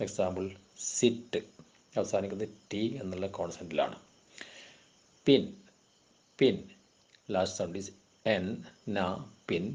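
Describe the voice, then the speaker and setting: A man with a Kerala accent giving an exam question-and-answer lecture on linguistics. He reads English definitions slowly, then explains them in quicker Malayalam asides. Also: low voice, dark tone. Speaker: university lecturer.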